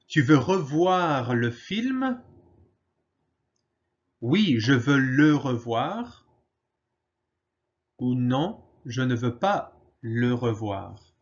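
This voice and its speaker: A man teaching French grammar in a slow, patient way, pausing often and switching to English to explain. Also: mid-range voice, dull audio. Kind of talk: grammar lesson.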